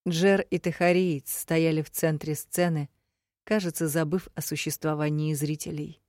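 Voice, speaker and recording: A woman reading a first-person fantasy audiobook, measured and emotive. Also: sits low, steady tone, darkish tone, no echo, studio quality. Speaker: audiobook narrator.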